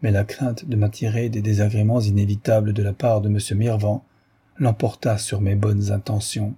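Dark, husky male audiobook reader. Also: on the low side, flat delivery. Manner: measured, literary reading. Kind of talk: scripted narration.

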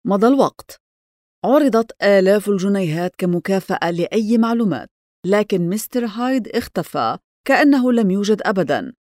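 A woman narrating a novel as an audiobook in measured, even scripted narration, recorded close on a studio mic. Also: mid-range voice, dry recording.

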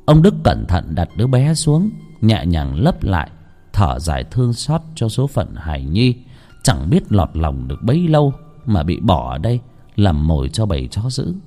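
A man narrating a ghost story in a dramatic, lively storytelling manner. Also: sits low, moderate pace, faint music behind.

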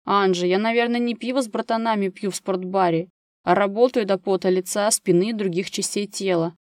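A woman reading the part of a gruff, blunt grown man, a practical neighbor who talks in a curt, businesslike way, in a dry recording of an audiobook. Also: medium pitch, fairly even intonation, fairly quick, a little mellow, no room sound, natural voice.

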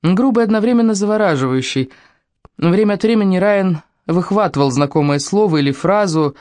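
An audiobook narrator reading a fantasy story in a steady, measured way. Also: medium pitch, no room sound, studio quality.

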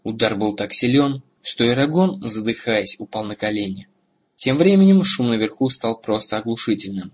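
A man narrating a fantasy audiobook in a steady, dramatic storytelling manner, with a husky voice. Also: lowish voice, moderate pace, lo-fi sound. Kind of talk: scripted narration.

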